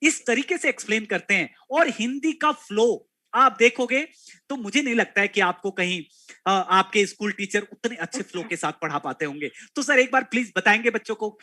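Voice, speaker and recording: Bright-voiced man hosting a live class. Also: high voice, expressive, normal speed, no room sound. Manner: addresses students as kids, mixes English into Hindi. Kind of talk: live online class chat.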